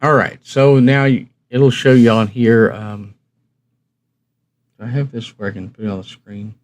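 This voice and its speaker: This man speaks at a medium pitch with fairly even intonation and a slightly slow pace. He hosts a hobby livestream, explaining things in a casual, folksy, conversational way. It's relaxed instructional talk in which he poses questions to himself and answers them.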